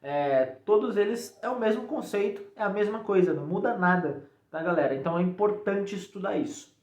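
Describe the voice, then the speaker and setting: A programming tutorial YouTuber with a Brazilian accent explains things casually to viewers, frequently checking in with short tags. His voice is high and animated, a bit quick, and the room is echoey and untreated.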